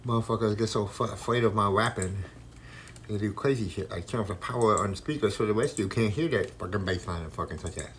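A man's voice: fairly low pitch, fast talker, fairly bright tone, slight background noise. A man freestyle rapping and ranting in a rambling, combative, heavily profane way.

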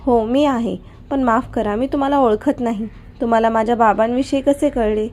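A polite young woman asks strangers who they are, sounding puzzled, as a woman reading the story voices her. The voice is fairly high and mellow. It is part of a storybook narration. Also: fairly even intonation, moderate pace, close to an everyday voice. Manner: confused, polite.

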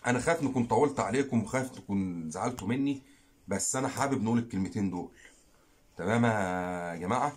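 With a fairly low voice and a quick pace, this Egyptian Arabic–accented man hosts a fishing channel, and a slight hiss or hum sits under the audio. He earnestly pleads with viewers direct to camera, repeating phrases for emphasis.

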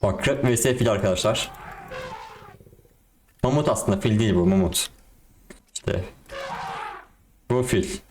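A young man giving casual, excitable commentary on a game and talking to his viewers in slang. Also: lowish voice, unhurried, pauses often, slight background noise. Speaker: gaming YouTuber.

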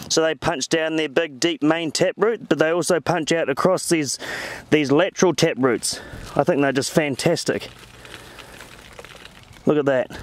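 A man walking through a crop field outdoors, chatting enthusiastically to a handheld camera. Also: on the high side. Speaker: farm advisor.

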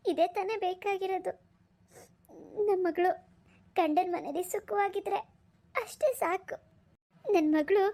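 Cartoon mother role: woman voicing a humble village mum, very high voice, tearful and fussing. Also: a little mellow. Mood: grateful. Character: weepy humble village mother, middle-aged. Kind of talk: cartoon voice acting.

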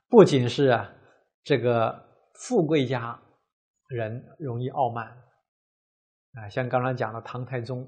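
A man giving a measured Buddhist dharma lecture, drawing out his phrases and filling pauses with many drawn "ah" sounds. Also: mid-range voice, darkish tone, slightly rough.

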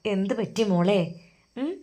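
A woman playing a coaxing woman doctor, mellow tone. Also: mid-range voice, expressive, unhurried, natural voice. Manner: coaxing, teasing questions. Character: kindly middle-aged woman doctor.

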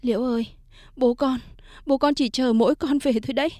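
A woman's voice: a little high, moderate pace, warm tone, no room sound, studio quality, natural voice. A woman voicing a grieving country mother who speaks in a choked, sobbing way in a storybook reading. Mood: tearful.

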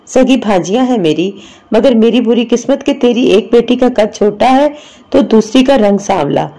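A woman voicing a proud, sharp-tongued middle-aged mother, scolding and boastful, in a storybook reading. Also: a little high, lively intonation.

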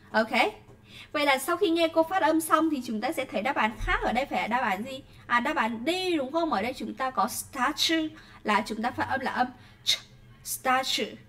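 A woman with a Vietnamese accent teaching an online English class, pronouncing words slowly and carefully, then explaining in quick bursts with frequent checking questions. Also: sits high, a bit bright.

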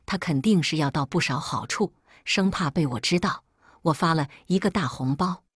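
Woman, story narration, first-person, wry, unbothered, husky voice, dry close recording. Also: sits low, normal speed, dry recording.

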